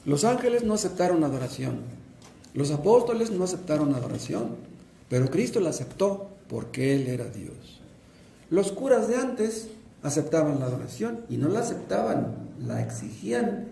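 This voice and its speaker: A man's voice: a little high, very animated, moderate pace, creaky, dark tone, roomy sound, slight background noise. A man, a pastor with a Mexican Spanish accent, preaching a sermon and asking and answering his own questions.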